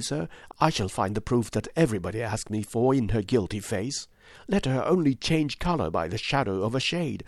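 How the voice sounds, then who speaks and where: In this studio-quality audiobook of a classic novel, a male narrator pushes his medium-pitched voice upward to play a nervous but resolute adult widow. He speaks earnestly and with dignity, building toward indignation, and the recording carries no room sound.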